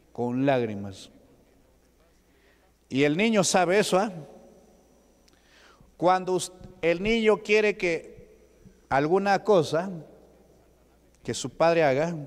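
High, slow, resonant preaching man. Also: clear, resonant tone. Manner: asks the congregation rhetorical questions. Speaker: pastor. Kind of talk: Pentecostal sermon. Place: church hall. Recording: echoey church hall with long reverb.

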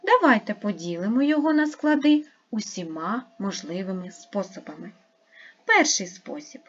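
A woman teaching an online lesson to young pupils, speaking slowly and carefully as she spells out sounds and syllables. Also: medium pitch, very animated, lo-fi sound, a little hiss or hum. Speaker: primary school teacher.

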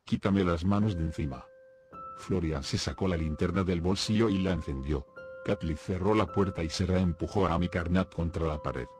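Very deep male audiobook narrator. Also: a little fast, a little mellow. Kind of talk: scripted narration. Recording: music playing behind the voice.

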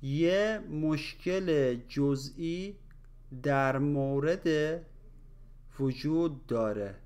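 A man teaching language, saying each phrase slowly in pieces and then again at full speed. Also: medium pitch, darkish tone. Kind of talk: slow phrase-by-phrase language drill.

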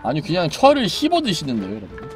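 A man streaming a horror game, joking and yelling loudly at what happens on screen. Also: fairly high pitch, wildly swooping pitch, fast talker, soft background music. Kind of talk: excited gameplay commentary.

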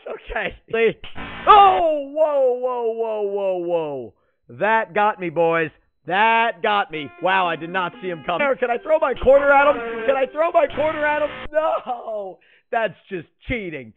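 A man in his twenties reacting like a scared horror game streamer, panicky and prone to yelling and exclaiming. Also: sits high. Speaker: gaming video host. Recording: tinny, phone-like, noisy audio.

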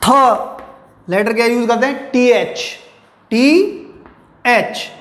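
Guy teaching english basics, slow and patient, keeps asking his own questions then answering, echoey room. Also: very high voice. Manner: mixes English terms into Hindi. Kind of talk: classroom lecture.

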